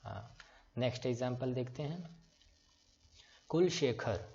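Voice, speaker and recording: Unhurried and gravelly, with a darkish tone, lively intonation and medium pitch, a man teaches an online class on writing names in English letters. He patiently breaks words apart and spells them out letter by letter. The recording is slightly dull lo-fi.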